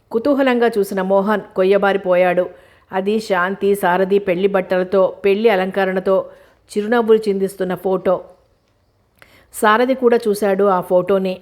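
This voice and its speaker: Woman narrator for a novel audiobook, measured and mid-pitched. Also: a little mellow.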